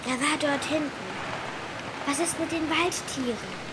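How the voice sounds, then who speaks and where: A woman voicing an excited young girl in a storybook who can talk to horses, eager and quick to rise in pitch. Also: heavy background noise. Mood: worried. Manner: eager, rising and loud when excited.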